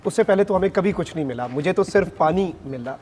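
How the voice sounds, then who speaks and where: A man's voice: sits high, animated, darkish tone, soft background music. A man from Pakistan hosting a casual interview, asking questions and telling light anecdotes in a friendly, chatty way. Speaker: host.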